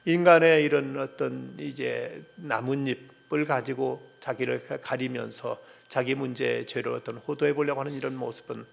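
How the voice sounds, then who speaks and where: A male pastor preaching a sermon, earnest and emphatic, leaning on fillers and pauses between phrases. His voice is deeply gravelly with a husky edge, at a middle pitch. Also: steady tone.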